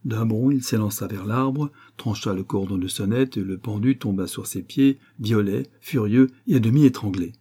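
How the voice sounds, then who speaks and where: Man narrator, audiobook, low dark husky voice, measured reading. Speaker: audiobook reader.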